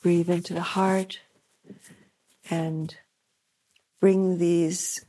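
Leading a guided meditation at a retreat center, this woman speaks softly with a fairly low pitch and a level tone. She lets long pauses fall and repeats phrases gently. The recording quality is low.

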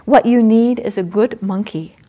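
Woman voicing a wise buffalo, male, gentle, slow, soft, storybook. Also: medium pitch, lightly acted.

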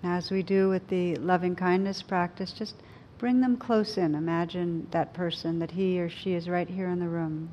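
A woman speaking as a meditation teacher, in a gentle, unhurried way with frequent pauses, as in a reflective talk or guided practice. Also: steady tone, lo-fi sound. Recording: clear low rumbling background noise.

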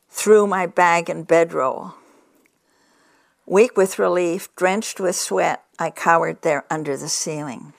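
An older woman reads from a memoir in a calm, gentle, measured, reflective way, leaving deliberate pauses between phrases. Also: lowish voice, no room sound, studio quality. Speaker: author reading from a memoir.

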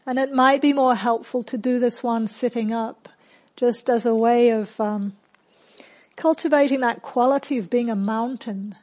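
A teacher guides a meditation in a calm, unhurried way, her voice on the high side. She offers gentle instructions separated by long pauses.

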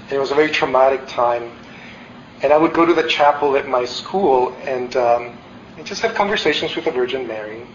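Speaking briskly in a mid-range voice, this Salvadoran meditation teacher in his forties offers a reflective, candid dharma talk, often restarting and using fillers. A faint hiss or hum runs under it, and the meditation hall gives a roomy, somewhat dull sound.

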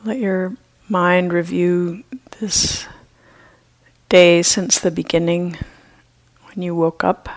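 Gentle and unhurried, a woman guides a meditation as teacher, pausing for long stretches. She speaks at a fairly low pitch with little movement in it.

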